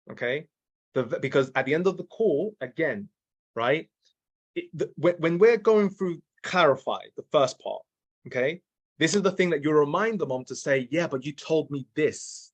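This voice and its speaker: A man's voice: fairly high pitch, husky. A man teaching sales calls in a casual, repetitive way, restarting his sentences and checking in with "okay?" and "right?" as he goes. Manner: drops in mild swearing. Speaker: sales trainer. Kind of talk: casual training talk.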